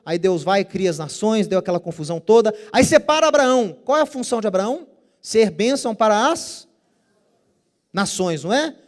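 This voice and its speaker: A man's voice: high-pitched, sing-song, moderate pace. A man teaching a Bible study lecture, explaining Hebrew terms with care and asking rhetorical questions that he then answers himself.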